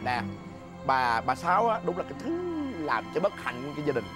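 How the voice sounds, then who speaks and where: A man with a Southern Vietnamese accent in a comedy sketch, playing an excitable husband who stammers and protests. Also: mid-range voice, brisk, over music. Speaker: comic actor playing a drinking husband.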